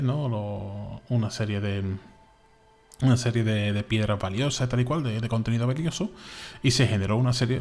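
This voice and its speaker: A man from Spain with a Spain Spanish accent, co-hosting a podcast in casual, animated chat, full of fillers and repeats. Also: fairly low pitch, creaky. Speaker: podcast co-host.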